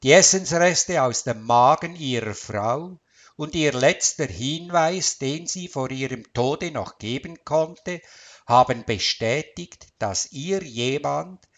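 A man's voice: on the high side, lively intonation, slow pace, exaggerated voice. A man reading a story, voicing a policeman who speaks in a stiff, official manner. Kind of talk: storybook voice acting.

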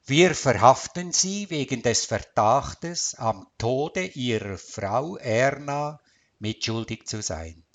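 A man's voice: mid-range voice, lively intonation, takes it slowly. A man doing a stiff, official policeman. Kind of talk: storybook voice acting.

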